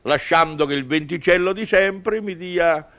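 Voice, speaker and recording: Speaking in colloquial Roman dialect, a male comic monologist delivers a wry, conversational, musing monologue for laughs. His fairly high voice is a bit bright, and he keeps a measured pace.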